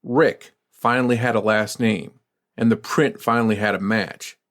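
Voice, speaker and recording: A man co-hosting a true crime podcast, reading case details and then musing in a halting, measured way. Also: on the low side, steady tone, a bit bright. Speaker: podcast co-host.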